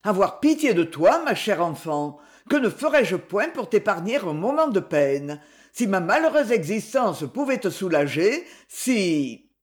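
A woman voicing a gentle old banker father. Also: medium pitch, very animated, unhurried. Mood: tender. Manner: gentle, imploring.

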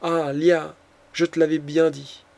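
A man's voice: fairly high pitch, level tone, slow, gravelly, darkish tone, no room sound. A man reading the part of a frightened nobleman, a count, in an audiobook, with frantic, anguished delivery. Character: terrified panicking nobleman, a count.

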